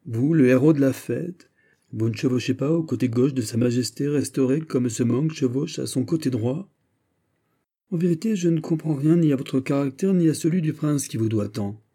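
A man voicing a proud, witty Gascon musketeer, animated and wry, in an audiobook reading. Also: medium pitch, moderate pace, pitched above the performer's own voice, close to an everyday voice. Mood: indignant.

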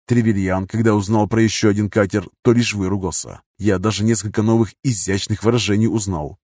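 A man's voice: fairly low pitch, steady tone, a little fast, a little mellow, no echo, clean studio sound. A man reading a first-person action audiobook in a tense, punchy way, throwing force into the dialogue. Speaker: audiobook narrator.

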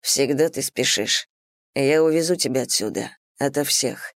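A woman voicing a passionate, quick-tempered young man, speaking low and hushed. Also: no room sound, clean studio sound. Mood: grim. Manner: low, hushed, brooding delivery.

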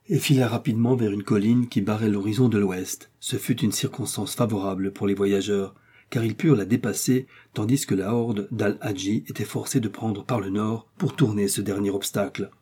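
A man reading a classic adventure novel aloud as scripted audiobook narration, in a steady, measured way. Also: lowish voice, husky. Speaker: audiobook reader.

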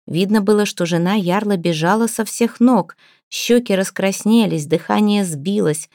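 A woman reading an audiobook story in a steady storytelling manner. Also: medium pitch, normal speed, no room sound, clean studio sound. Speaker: audiobook narrator.

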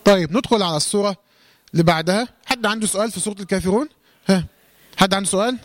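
A man with an Egyptian accent teaching a Quran recitation lesson. He asks questions and answers them himself, and draws out recited words slowly. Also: sits high, no room sound. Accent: Egyptian Arabic. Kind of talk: classroom tajweed lesson.

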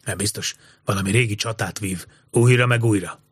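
A man voicing a wary, gloomy older boy who speaks low and grumbling. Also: husky, dry recording.

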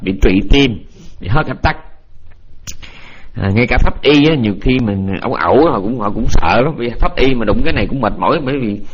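A male Buddhist teacher gives a dharma talk to an online group in a mid-pitched voice. He rambles with halting repeated words and slows right down when he dictates. The audio is dull and lo-fi. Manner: rambling, repeats words while searching, dictates slowly for notes.

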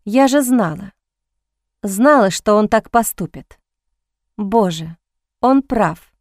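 A woman's voice: medium pitch, animated, slow pace, dry recording, clean studio sound. A woman voicing a young heroine in an audiobook, breathless and pleading, torn against herself. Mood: self-reproach. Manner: breathless, pleading, self-reproaching.

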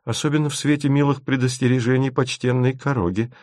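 A man voicing a calm, inquisitive young man who talks in a measured way, in a dry recording. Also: medium pitch, dry recording, voice pushed up, close to an everyday voice.

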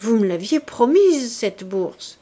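A woman's voice: a little high, sing-song, slow pace, mellow, full character voice. A woman voicing a plump, complaining middle-aged lady who reproaches an old friend in a plaintive, wheedling tone.

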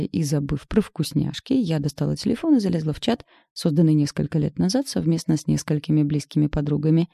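A woman reading a first-person story aloud in a lively, wry narrating manner on a close mic. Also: low voice, vocal fry, breathy edge, no echo. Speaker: audiobook narrator.

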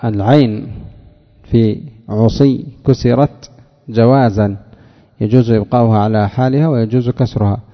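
A man's voice: mid-range voice, fairly even intonation. Man, lecture, quizzes class and answers himself, long reverb, muffled sound. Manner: asks the class questions and answers them himself, drawls example words slowly. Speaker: teacher of Arabic morphology. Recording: dull lo-fi recording with long hall reverb.

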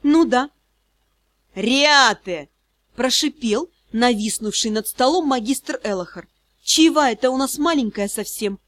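A woman narrating a first-person fantasy audiobook in a lively reading voice. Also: fairly high pitch, normal speed, no room sound. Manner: lively narration, raising her voice for the heroine's pleading lines.

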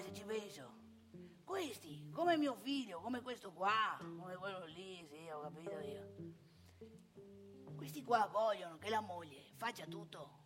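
In a theatrical comic monologue, a woman with a mid-range voice plays a cantankerous, opinionated old married man with a northeastern Italian accent. She grumbles and lectures, haranguing and scolding through rhetorical questions.

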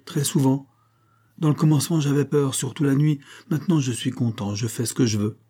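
A man's voice: a little fast, breathy edge, close to an everyday voice. Earnest lonely little boy, as a man puts him on. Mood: eager. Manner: raised childlike pitch, pleading and lively.

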